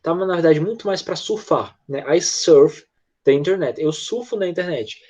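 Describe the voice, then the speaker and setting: Patiently walking online English pupils through repetition, this Brazilian-accented man keeps checking in with quick tag questions. He's on the high side, with a darkish, slightly rough voice.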